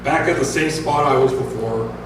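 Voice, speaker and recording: Recorded from across the room at a bar-like event venue, a man from northern Michigan introduces himself and reads a story to a small crowd as an author. His medium-pitched delivery is casual, halting and self-deprecating, with echo, a distant mic and music in the background.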